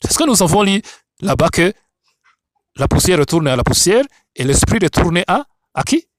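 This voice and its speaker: A man's voice: sits high, big pitch swings, normal speed, a little hiss or hum. A man with a foreign accent in French, a non-native speaker, teaching the Bible like a preacher in an emphatic, repetitive, didactic way with rhetorical questions. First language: not French.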